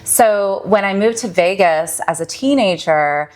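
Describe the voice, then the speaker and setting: A woman's voice: mid-range voice, expressive, a little slow. A woman in her thirties from Michigan, a guest healer telling her story in an earnest, reflective way. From Michigan, USA. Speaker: podcast guest, mystic and healer. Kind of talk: casual podcast interview.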